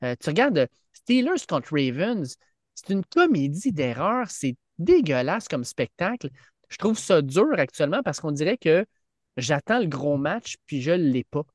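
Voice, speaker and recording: A man's voice: on the high side, very animated, measured pace, dry recording, clean studio sound. A man with a Quebec French accent giving casual sports commentary as a podcast co-host.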